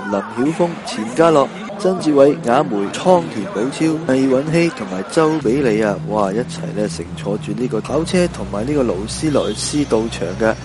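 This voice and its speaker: Male entertainment narrator, Hong Kong Cantonese accent, mid pitch, event report with crowd chatter. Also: animated, normal speed, hardly any pauses. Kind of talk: lively scripted event narration.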